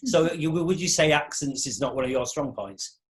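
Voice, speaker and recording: A man interviewing on a video call. He often restarts his questions in a halting, encouraging way. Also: on the high side, expressive, poor audio. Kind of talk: casual interview.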